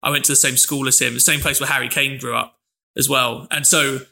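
A man's voice: mid-range voice, level tone, brisk, gravelly, sharp tone. A man, reminiscing easygoingly as a podcast co-host. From London, England. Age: 20s. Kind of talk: casual chat.

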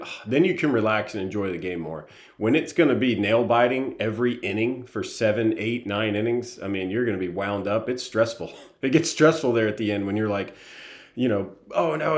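An easygoing man with a lowish voice, talking sports from a player's angle. The room around him is echoey, and he laughs lightly as he talks. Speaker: former player, podcast co-host. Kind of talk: casual sports chat.

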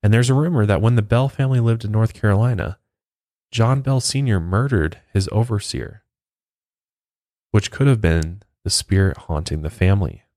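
A man's voice: on the low side, moderate pace, mellow, no room sound, studio quality. A man telling a local ghost legend in a casual, chatty way, with off-the-cuff asides. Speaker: storyteller host. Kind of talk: casual spoken storytelling.

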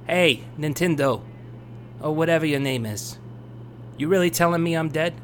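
Man as a wry, higher-voiced traveler. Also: normal speed, natural voice. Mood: resigned. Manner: wry, colloquial, rambling. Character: wisecracking, bewildered male traveler, newly dead. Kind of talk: scripted audio drama acting. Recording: faint hum behind voice.

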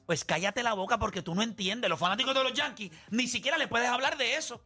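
A man hosting a sports talk radio show, loud and teasing in banter with his co-hosts and callers. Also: very high voice, fast talker, husky, faint music behind.

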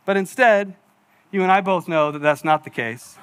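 High, bright-voiced pastor in his forties. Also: moderate pace, smooth. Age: 40s. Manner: chatty, self-mocking storytelling with acted-out asides. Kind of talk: sermon. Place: church hall.

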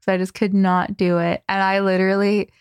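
A woman hosting a podcast in casual chat, animated and quick to laugh, acting out quotes. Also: mid-range voice, clear, resonant tone, no room sound, clean studio sound. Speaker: podcast host.

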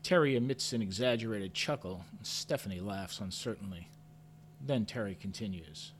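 A man narrating a story in first person with a measured, understated delivery, lifting sharply when his character asks questions. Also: on the low side, slight background noise. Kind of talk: audio drama narration.

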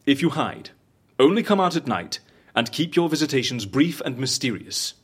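In an audio drama, an actor with a husky, medium-pitched, expressive male voice plays a suave, businesslike, wry agency fixer. At normal speed he speaks articulately and persuasively with theatrical flair, in a cautioning mood.

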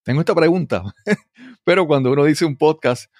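A man's voice: a little high, moderate pace, a little mellow, no echo, studio quality. A man hosting a podcast, asking long, rambling questions with restarts. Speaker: podcast host. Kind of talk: conversational interview.

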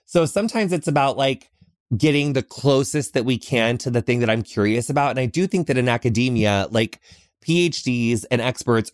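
A man's voice: mid-range voice, no echo, clean studio sound. A man hosting a podcast in a chatty, effusive, campy and slangy way, recording in a small closet lined with clothes. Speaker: podcast host. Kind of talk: casual, chatty monologue answering listener questions. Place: small carpeted closet full of clothes, sound absorbed.

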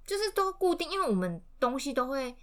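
A woman tells a story about her freelance illustration work in a casual podcast chat. Her voice sits fairly high and sounds bright and forceful. She talks in an animated way and breaks into laughter often. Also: brisk.

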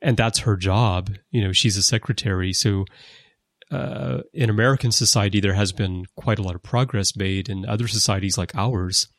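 A man hosting a casual podcast conversation, explaining background at length with lively emphasis. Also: fairly low pitch, normal speed, no room sound, studio quality. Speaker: podcast host. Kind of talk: casual conversation about a TV series. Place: lives in Japan.

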